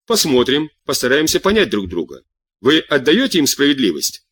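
A man voicing a proud, angry queen who speaks in sharp reproaches, in an audiobook reading. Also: mid-range voice, wildly swooping pitch, moderate pace, husky, dry recording, full character voice. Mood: indignant.

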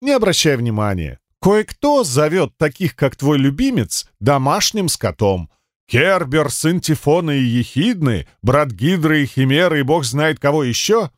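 A chatty, wry messenger god rambles on with a knowing tone, as a man reading an audiobook voices him. His voice sits fairly high and moves a lot. The recording is close and dry. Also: sing-song, unhurried, no room sound.

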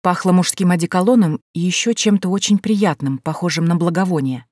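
A woman narrating a first-person audiobook story in a lively telling. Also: fairly low pitch, brisk, no echo, clean studio sound.

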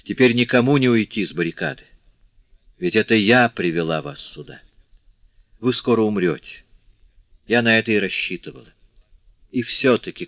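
A man's voice: lowish voice, fairly bright tone, dry recording. A man reading the part of a dying young woman, weak and tender, speaking faintly in a dry, slightly dull audiobook recording. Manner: faint, fading speech.

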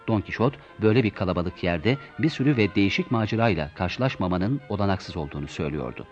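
A man reading a classic tale aloud as narrator, acting out the characters' lines. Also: on the low side. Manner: acts out the dialogue with raised, shouting lines. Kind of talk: storybook reading with voiced dialogue. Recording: dull lo-fi recording with soft music.

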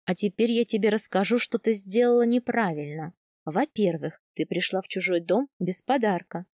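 A woman reading an audiobook, voicing a dignified widow of nearly eighty who speaks in a measured, formally polite and instructive way. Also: medium pitch, a little mellow, no room sound, clean studio sound, lightly acted. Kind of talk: audiobook character voice.

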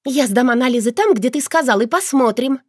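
A woman's voice: sits high, lively intonation, fairly quick, no echo, studio quality. A woman voicing a pleading, clingy woman in an audiobook, speaking in a plaintive, wheedling way. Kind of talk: audiobook character voice.

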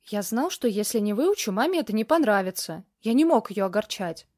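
A woman's voice: medium pitch, animated, a little fast, darkish tone, natural voice. A woman voicing an earnest, loving little boy of about six in an audiobook. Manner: earnest, childlike.

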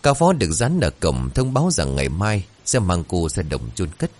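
A man narrating a ghost story in a dramatic, expressive way. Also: low-pitched, a little fast. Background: faint music.

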